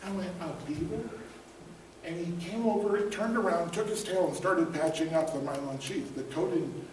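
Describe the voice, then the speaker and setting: A man's voice: sits high, fairly even intonation, moderate pace. A middle-aged man, a guest speaker, telling a motivational story in a conversational, humorous way and putting questions to the audience. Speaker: guest speaker, business coach. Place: event room before a live audience. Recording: roomy echo, distant mic, faint noise.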